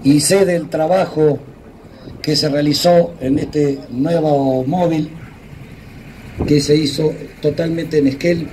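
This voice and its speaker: An older man with an Argentine Spanish accent gives a solemn, emphatic public speech with deliberate pauses, moved by emotion, into a podium microphone outdoors. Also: fairly high pitch, steady tone, dark tone, rough recording. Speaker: war veteran giving a speech. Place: outdoors in a yard before a small gathering. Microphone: microphone on a stand at a podium, PA speakers. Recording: outdoor PA speech with clear background noise.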